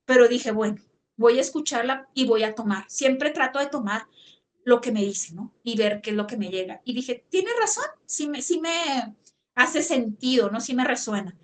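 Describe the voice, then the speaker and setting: A woman with a Mexican accent, a podcast guest telling a personal story in lively conversation, often checking in with "right?" and fillers. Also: on the high side, moderate pace. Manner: animated, frequent tag questions and fillers.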